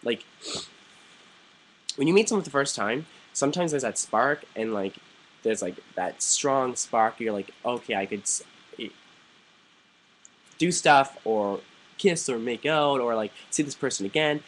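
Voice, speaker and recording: A young man vlogging, telling a story casually to the camera with many "like"s and animated quoted voices. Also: medium pitch, measured pace, pauses often, low-quality recording. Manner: chatty, animated, quoting others in lively put-on voices, frequent "like".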